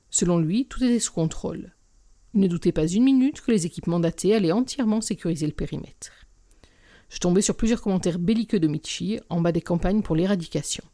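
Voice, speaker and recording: A woman narrates a first-person story in an expressive, dramatic manner. Her voice has a gravelly, creaky edge. Her tone is mellow and warm. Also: fairly low pitch.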